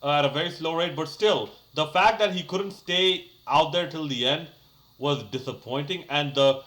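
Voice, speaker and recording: At a normal speed, a young cricket YouTuber delivers an off-the-cuff solo review of a match. His voice is bright and a touch high, and his chatty, rambling style is full of restarts and fillers such as "uh" and "like."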